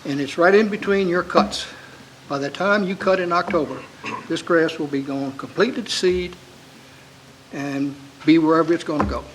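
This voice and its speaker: A man's voice: fairly high pitch, moderate pace, a little hiss or hum, rough recording. A man, a county supervisor pressing his point at a public meeting in an earnest, folksy way.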